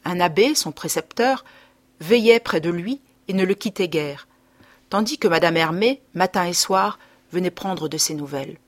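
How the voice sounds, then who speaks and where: A woman narrating a classic story as an audiobook reader, clear and expressive. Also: fairly low pitch, moderate pace, dry recording. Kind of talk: scripted narration.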